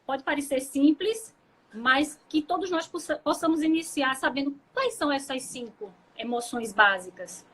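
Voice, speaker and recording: Woman host, high-pitched and eager. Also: normal speed, a bit bright, poor audio. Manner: enthusiastic, asks questions and reacts. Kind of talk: hosting a talk show conversation.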